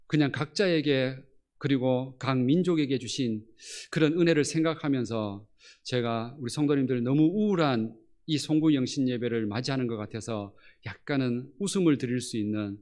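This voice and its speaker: A man's voice: medium pitch, darkish tone. Male pastor, earnest exhorting sermon delivery.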